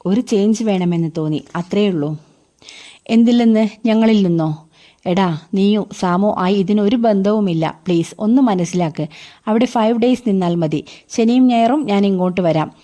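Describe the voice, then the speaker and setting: A woman reading the lines of a guarded young man who explains himself softly, subdued and pleading. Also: medium pitch, moderate pace, close to an everyday voice. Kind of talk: audiobook character reading.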